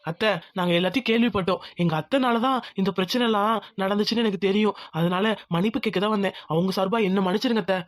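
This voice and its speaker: A woman's voice: medium pitch, quick pace, natural voice. A woman voicing a teasing, easygoing young village husband in a cartoon. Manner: teasing, joking.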